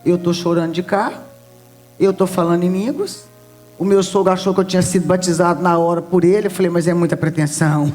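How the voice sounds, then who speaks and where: A Brazilian woman preaching a testimony in church, telling stories in a lively way and acting out the voices of others. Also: on the low side, brisk, faint music behind. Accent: Brazilian Portuguese. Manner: lively storytelling with laughs, acts out voices. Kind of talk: sermon testimony.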